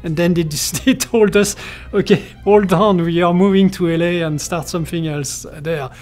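Faint music plays behind this middle-aged Frenchman, a character designer interviewed while seated in an indoor studio room. His accented voice sits high with a darkish tone at a moderate pace, and he speaks hesitantly, restarting often and using many fillers.

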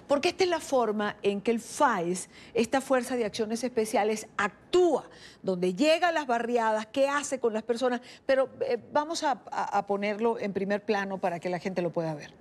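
A woman's voice: mid-range voice, darkish tone. A woman interviewing a guest on a television news program, speaking hesitantly with many fillers and restarts.

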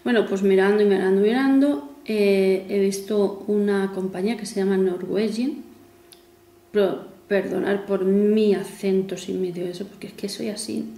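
In a mellow, medium-pitched voice that stays steady at normal speed, a vlogger in her 40s chats loosely to camera and pokes fun at herself along the way. The room is echoey, with soft music in the background.

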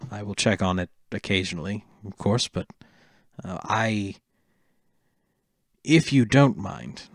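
A man acts out an earnest elf for a tabletop role-play. He is soft-spoken and slightly camp, choosing formal words slowly and deliberately. The voice sits fairly low and sounds close and dry. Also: gravelly, no room sound, heavily acted. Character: gentle, earnest male elf orchard keeper, formal and measured.

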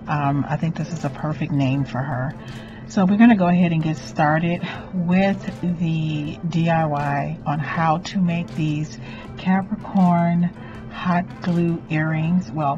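A middle-aged woman hosting a craft vlog, speaking in a theatrical, gushing way with drawn-out emphasized words. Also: sits low, dull audio. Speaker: craft channel host, doll artist. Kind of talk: vlog and DIY tutorial. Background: music.

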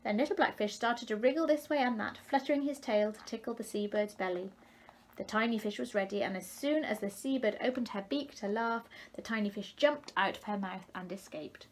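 A woman who works as an educational consultant reads a picture book aloud in an expressive, measured way. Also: mid-range voice, slight background noise. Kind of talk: storybook read-aloud.

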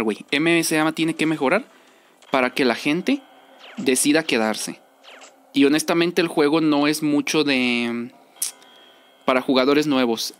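A man's voice: fairly high pitch, a bit bright. A young man with a Mexican accent giving casual, rambling game commentary in slangy, informal speech, repeating himself for emphasis. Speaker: gaming video creator. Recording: music under the voice.

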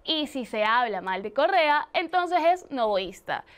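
A woman's voice: high-pitched, very animated, unhurried, a bit bright, clean tone. A young woman presenting a satirical student news show in a studio, playful and sarcastic, on a lapel mic. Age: young adult. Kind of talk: scripted satirical news reading.

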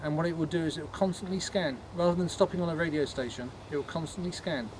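A man leading a ghost tour, explaining things informally to a group in a halting, matter-of-fact way. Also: a little high. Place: on a night walking tour, in the dark. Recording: noisy outdoor night recording.

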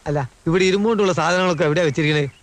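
A man's voice: on the high side, racing, dry recording, natural voice. An actor playing a fussy, nervous household servant who gossips. He speaks in 1980s film style. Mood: anxious. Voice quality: fussy and anxious, secretive.

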